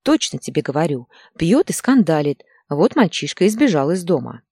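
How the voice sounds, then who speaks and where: A woman reading a bossy older mother in a storybook, blunt and scolding. She presses her point in a low, husky, louder voice with lively swings of pitch. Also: moderate pace, no echo, clean studio sound, exaggerated voice. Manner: scolding, insistent.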